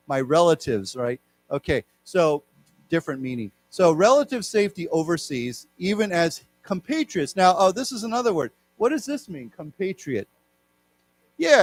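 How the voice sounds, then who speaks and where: A man teaches English vocabulary to a live class, explaining each word and having the room repeat it. His voice sits a little high. A faint electrical hum runs under the recording. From Taiwan. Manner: explains words, has the class repeat them. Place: lecture room.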